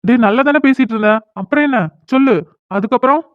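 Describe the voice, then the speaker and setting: A woman's voice: high-pitched, fast talker, no room sound, close to an everyday voice. Woman playing a teasing young best friend. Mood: curious. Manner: mocking, amused, excitable. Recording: dry, tinny phone-like audio.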